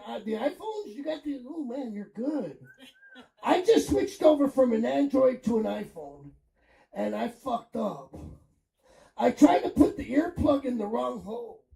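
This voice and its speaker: A man's voice: extremely high pitch, gravelly, mellow. A middle-aged man from Chicago doing crude, rambling stand-up comedy with crowd work on a club stage. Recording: echoey club room, mic at a distance.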